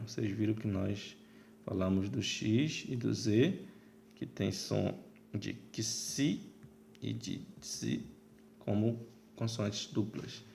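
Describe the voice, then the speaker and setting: A man teaches an online Latin lesson in a gravelly, creaky voice. He explains step by step and pauses to check that his listeners are following. A faint hiss sits under the recording. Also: lowish voice, a little mellow.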